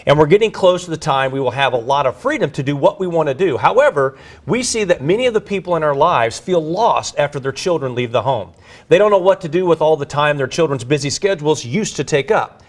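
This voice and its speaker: A man's voice: on the high side, expressive, brisk. A man hosting a financial advice show, coaching viewers on retirement planning in an earnest, conversational way.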